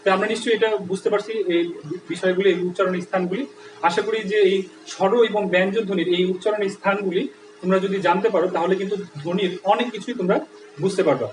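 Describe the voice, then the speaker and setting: Quick high-voiced male teacher. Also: steady tone, echoey room, far from the mic, background noise. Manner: explanatory, with frequent checks like "right?". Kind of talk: online Bangla grammar lesson.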